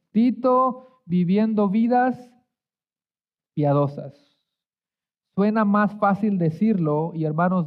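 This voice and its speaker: Male pastor preaching in a church, high voice, earnest, drags out words, long echo off the walls. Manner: earnest preaching, stretching key words, with restarts. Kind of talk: sermon. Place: church sanctuary. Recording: echoey hall, tinny phone-like sound.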